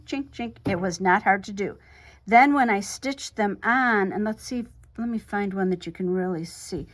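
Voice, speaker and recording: A woman giving a casual show-and-tell tutorial on her quilting projects, chatty, talking fast and a lot with frequent restarts. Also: mid-range voice. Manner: chatty, talks fast and a lot, self-interrupting. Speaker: quilt shop co-owner showing projects.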